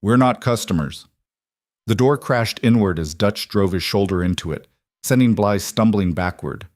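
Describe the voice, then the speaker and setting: A man narrating a scripted Western story in a steady, measured way. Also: lowish voice, no room sound, clean studio sound.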